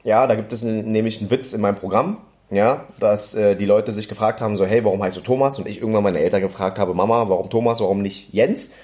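A man chatting casually as a podcast co-host, relaxed and halting with many fillers. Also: on the low side. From Germany. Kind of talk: casual chat.

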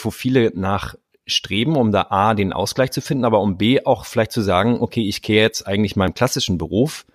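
A man's voice: on the low side, dry recording, clean studio sound. A man hosting his own podcast, asking long, rambling questions in a friendly way. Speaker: podcast host. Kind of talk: conversational interview.

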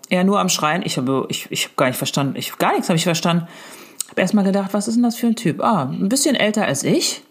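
Woman, 30s, chatty mother, comic rambling voice-message storyteller. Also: mid-range voice. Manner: rambling, tags lines with "ne?".

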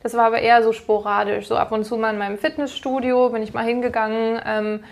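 A woman in her thirties with a fairly high voice, a yoga teacher speaking as a podcast guest. She talks in a friendly, rambling way and fills her pauses with many fillers. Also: level tone, gravelly. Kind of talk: podcast interview.

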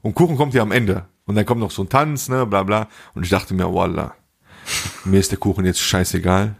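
A young man co-hosting a podcast, telling stories in animated casual chat with lots of street slang. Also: low voice, brisk, gravelly, husky. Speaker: podcast co-host.

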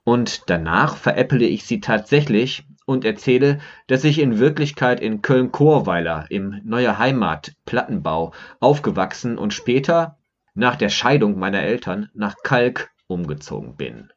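A man's voice: lowish voice, very animated, a little slow, muffled recording. Wry man reading a personal essay. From Germany, Rhineland. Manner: wry, ironic storytelling. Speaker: podcaster and blogger. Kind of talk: scripted personal essay narration.

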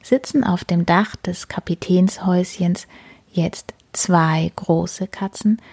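Slow husky woman reading a bedtime story. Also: fairly low pitch, steady tone, darkish tone. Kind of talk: children's story read aloud.

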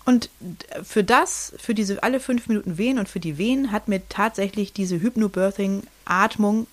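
A woman in her thirties, co-hosting a podcast, speaks at a moderate pace in a mid-range voice as she casually recounts something personal. She restarts and fills often and acts out people's words.

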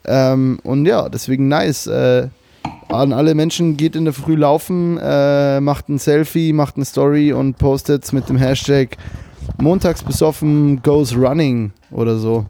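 Young podcast guy, relaxed mellow voice, slang n english words thrown in, swears a bit. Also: medium pitch, measured pace, gravelly, slight background noise. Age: young adult. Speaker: podcast co-host. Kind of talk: casual podcast chat. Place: remote call at a computer with webcam.

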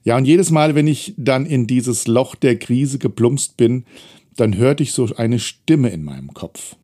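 A man's voice: mid-range voice, lively intonation, unhurried, dark tone. A middle-aged man, a self-employed trainer, candidly and wryly telling his own story of setbacks. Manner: candid, reflective, wry. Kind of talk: personal storytelling talk.

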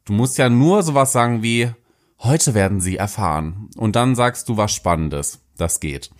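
A man co-hosting a casual educational show, talking in a lively, slangy, self-mocking way. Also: on the low side, moderate pace. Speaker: co-host.

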